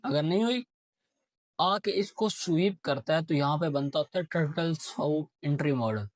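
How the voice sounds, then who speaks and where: A man's voice: a little high, moderate pace, no room sound. A man, teaching a casual lesson on reading charts, often asking a question and answering it himself. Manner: explains while marking a chart. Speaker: trading teacher.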